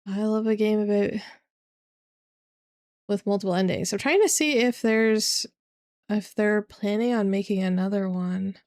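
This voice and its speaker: A woman's voice: mid-range voice, a little slow, pauses often, a little mellow. Woman game streamer, casual rambling chat, hesitant with lots of fillers, desk mic at home. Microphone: desk microphone.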